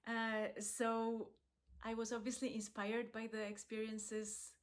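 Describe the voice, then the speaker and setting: A woman from Poland who leads accessibility work, giving a calm, measured talk in a pre-recorded video with frequent small pauses. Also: on the high side. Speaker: accessibility program lead.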